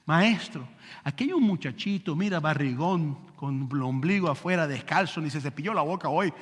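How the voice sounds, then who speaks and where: A man voicing an eager apostle, urging and excited, as he brings a boy to his teacher. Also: a little high, moderate pace, long reverb tail, voice pushed down.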